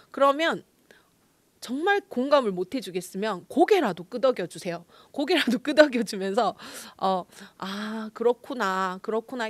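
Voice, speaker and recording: A woman's voice: on the high side, dry recording. A middle-aged woman, a pastor's wife, giving a chatty online lecture, laughing often and acting out quoted lines.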